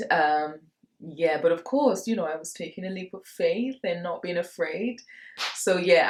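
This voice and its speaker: A woman in her late twenties from Nigeria, chatting casually through a Q&A for her vlog and laughing between answers. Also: lowish voice. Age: 20s. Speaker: vlogger. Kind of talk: casual Q&A chat to camera. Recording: roomy echo.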